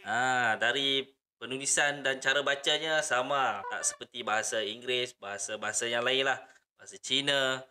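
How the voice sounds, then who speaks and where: A man's voice: medium pitch, fairly even intonation, moderate pace, pushed and bright. A man with a Malaysian accent hosting a casual reaction video, often addressing his viewers directly. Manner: repeats and echoes phrases, addresses viewers often.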